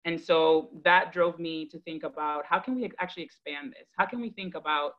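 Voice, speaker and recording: Her voice is low, and she tells her own story in an earnest, thoughtful, measured manner to an online audience. This guest speaker and education advocate is in her thirties, came from the Dominican Republic, and was raised in Boston starting at five; she's on an indoor video call with dull, lo-fi sound.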